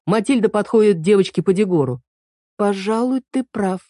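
A woman's voice: medium pitch, lively intonation, normal speed, dark tone, no room sound, clean studio sound, pitched above the performer's own voice, natural voice. A woman voicing a playful, kind fairy lady who teases and coos. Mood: teasing. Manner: cooing and coaxing. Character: playful kind female fairy, teasing and motherly.

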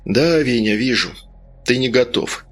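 A man's voice: mid-range voice, measured pace, gravelly, a bit bright, husky, faint music behind, full character voice. A man voicing a stern, cruel male sorcerer who coaxes and orders in an audiobook. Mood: stern, persuasive. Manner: stern, coaxing, harsh barks.

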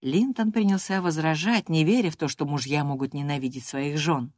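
A woman narrating a classic novel as an audiobook, in a measured, expressive storytelling manner. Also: low-pitched, no room sound. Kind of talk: literary narration in first person.

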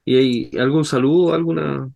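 Gravelly Chilean man, teasing co-host. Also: a little high, fairly even intonation, moderate pace, darkish tone, lo-fi sound. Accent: Chilean Spanish. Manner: teasing, sends greetings on air. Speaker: radio co-host. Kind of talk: casual radio banter.

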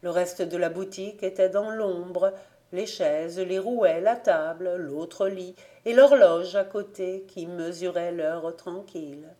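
Slow, mellow woman audiobook narrator. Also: on the low side, fairly even intonation. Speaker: audiobook reader.

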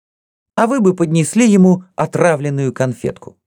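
A man's voice: fairly high pitch, expressive, normal speed, dark tone, no echo, clean studio sound, pitched above the performer's own voice, close to an everyday voice. A man doing a haughty, teasing young princess. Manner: haughty and mocking. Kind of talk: audiobook reading.

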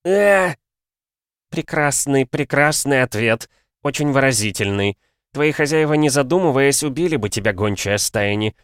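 Man doing a scheming alchemist, sanctimonious, theatrical, high put-on voice, dry sound. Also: animated, moderate pace, smooth, no echo, close to an everyday voice. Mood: sly. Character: fussy scheming male alchemist, sanctimonious and mocking.

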